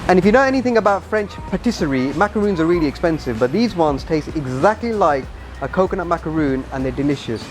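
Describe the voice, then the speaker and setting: A man's voice: on the high side, lively intonation, fast. A man hosting a travel and food vlog, chatting casually to viewers on location. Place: on location in busy streets and shops. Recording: music behind, outdoor street sounds. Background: music, traffic and urban sounds.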